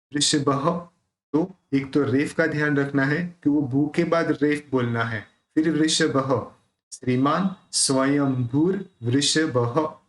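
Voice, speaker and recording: Indian male chant teacher, mid-pitched, slow and deliberate, recites and then explains. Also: low-quality recording. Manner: chants verses slowly, then explains quickly. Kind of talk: pronunciation lesson.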